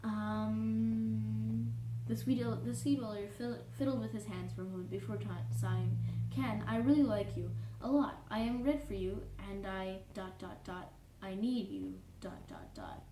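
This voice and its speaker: A woman's voice: mid-range voice, steady tone, unhurried, lightly acted. A woman voicing a prim, fussy young male troll who reads aloud in a pedantic, formal way, always correcting and apologizing. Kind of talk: cosplay character reading fanfiction aloud. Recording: roomy echo, distant mic, faint noise.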